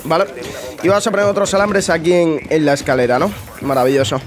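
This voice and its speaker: A young man from Spain with a Spanish accent, commenting on his own game in his bedroom at home, swinging between muttering and excited shouting, and swearing a lot. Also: a little high, fast. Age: young adult. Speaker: gamer streamer. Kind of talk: live gameplay commentary.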